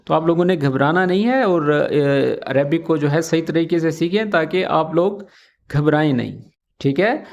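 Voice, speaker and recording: A man with a Pakistani Urdu accent giving a casual Arabic lesson, repeating each phrase slowly and often checking in with the listener. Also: fairly high pitch. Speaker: Arabic teacher. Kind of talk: casual spoken language lesson.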